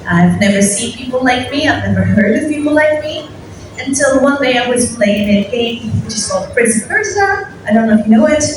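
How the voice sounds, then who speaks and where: A woman's voice: a little high, animated, brisk. A young woman from Morocco giving a casual, self-deprecating conference talk to an audience. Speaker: conference speaker. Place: large hall at a conference. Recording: echoey hall from far off, noisy.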